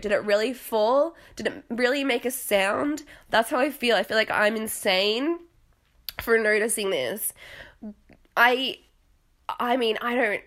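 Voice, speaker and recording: A woman's voice: fairly high pitch, fairly bright tone. A young adult woman hosting a podcast, chatting casually about reality TV in a rambling, self-deprecating and exclamatory way. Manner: dramatic, exclamatory. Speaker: podcast host.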